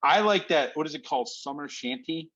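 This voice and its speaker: A man's voice: on the high side, lively intonation, a little fast, a bit bright, dull audio. A man chatting as a podcast guest, easygoing, friendly and jokey. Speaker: podcast guest, police commander and comedian. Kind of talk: casual podcast chat.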